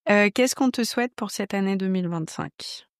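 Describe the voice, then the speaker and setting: A woman hosting a podcast, chatting warmly and encouraging her guest in a conversational interview. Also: medium pitch, clear, resonant tone, no echo, clean studio sound. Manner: chatty, encouraging, quick to laugh along. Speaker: podcast host.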